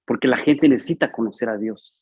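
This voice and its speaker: Man, sermon, chatty storytelling, husky voice, dry dull recording. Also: mid-range voice, brisk, dark tone, no echo. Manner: conversational storytelling, acts out dialogue. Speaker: pastor.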